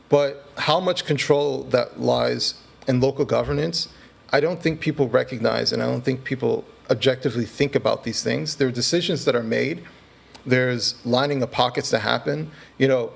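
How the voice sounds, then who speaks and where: A man, a podcast guest, talking through his argument in an earnest, measured way and often checking in with the listener. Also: mid-range voice, gravelly. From United States. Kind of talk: conversational interview.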